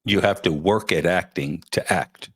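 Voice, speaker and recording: A man's voice: deep voice, unhurried, a bit bright, breathy edge, dry recording, clean studio sound. A man hosting a casual interview, chatty and joking as he thinks aloud. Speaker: interview host.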